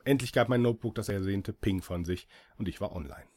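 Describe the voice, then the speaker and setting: A man's voice: lowish voice, a little fast, darkish tone. A man reading a first-person story aloud as an audiobook, with dry, ironic delivery. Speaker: audiobook reader.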